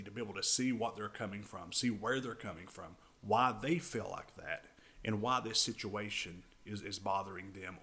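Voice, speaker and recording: A man's voice: fairly low pitch, a bit bright. A man hosting a podcast, summing up a book in loose casual talk, with many fillers and restarts. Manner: loose, repetitive phrasing with frequent fillers and restarts. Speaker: podcast host.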